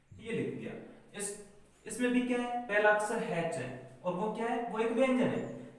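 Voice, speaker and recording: A male teacher with a Rajasthani Hindi accent walks students through a grammar rule at the board. His voice sits high, and he keeps putting questions to the class and answering them himself. The sound is very echoey, picked up from a distance across the room. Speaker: school English teacher. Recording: echoey classroom, mic far away.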